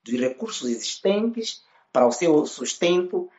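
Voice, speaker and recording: A man giving a formal, measured explanation as an interview guest. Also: a little high, sing-song, darkish tone. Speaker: interview guest, association representative. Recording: dull lo-fi broadcast sound.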